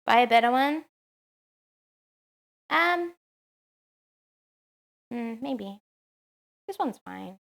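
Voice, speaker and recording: A woman's voice: a little high, expressive, extremely slow, creaky, pauses often, fairly bright tone. A woman chatting casually on a live stream while she cooks at home, answering chat with lots of "um"s.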